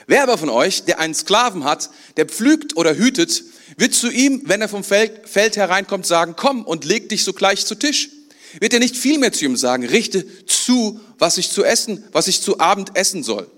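A man with a high voice preaches a sermon to his congregation. He keeps it conversational and often checks in with his listeners. He speaks as their pastor, standing in church. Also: expressive, normal speed, fairly bright tone. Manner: conversational, asks the congregation questions.

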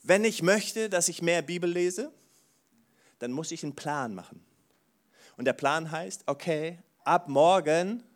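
A man preaching a sermon, animated, moving between soft asides and loud bursts, often exclaiming "wow". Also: fairly high pitch. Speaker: pastor.

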